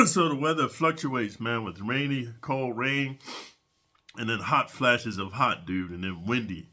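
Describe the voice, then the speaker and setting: Husky and sharp, this middle-aged man's mid-range voice moves at a measured pace with lively intonation. He's spinning prison tales in a loose, wandering monologue, sniffling from allergies and saying "man" and "dude" constantly.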